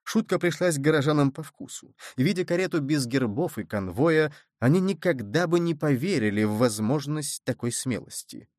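Male audiobook narrator, steady and measured, dry close sound. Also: fairly high pitch, no echo. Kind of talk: scripted narration.

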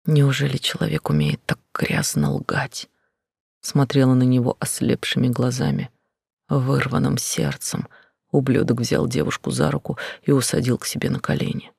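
A man narrating a first-person novel in a quiet, intense, often whispered delivery. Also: medium pitch, lively intonation, moderate pace, creaky, slightly rough, dry recording, clean studio sound. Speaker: audiobook narrator.

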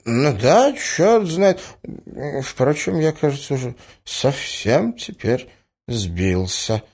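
A man's voice: a little high, sing-song, takes it slowly, husky, pitched above the performer's own voice, heavily acted. A man voicing a muddled old prince in an audiobook, hesitant and stammering. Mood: bewildered. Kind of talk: audiobook character reading.

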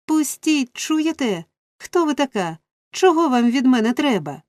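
A woman voicing a frightened orphan boy who shouts panicked protests in an audiobook story. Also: sits high, big pitch swings, a little slow, no echo, clean studio sound, voice pushed up.

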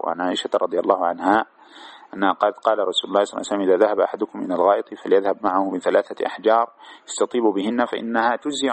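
Fast-talking man teaching a class. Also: fairly low pitch. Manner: fast, checks understanding with asides to students. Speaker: teacher of hadith commentary. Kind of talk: classroom lesson, reading and explaining a text.

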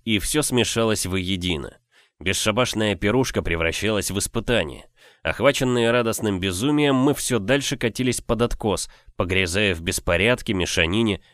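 A man narrating a first-person novel in a measured, expressive reading. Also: fairly low pitch, no echo, clean studio sound. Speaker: audiobook reader.

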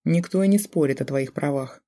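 An audiobook narrator voicing a blunt, grumbling older father who speaks curtly and deliberately, with a mellow tone. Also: medium pitch, lightly acted. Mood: gruff.

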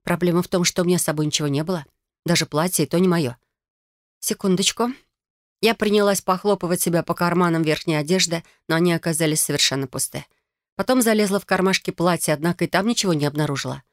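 A woman narrating a first-person fantasy audiobook in an even, wry storytelling manner. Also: fairly low pitch, fast talker, no echo, clean studio sound.

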